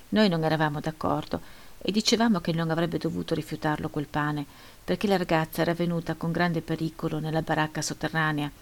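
With a low voice, a woman reads first-person literary prose as an audiobook narrator. Her delivery is measured and steady.

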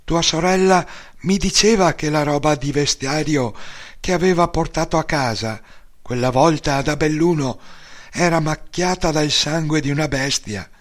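A man voicing an elderly mother, tender and insistent, with his voice raised in pitch. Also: moderate pace, lightly acted.

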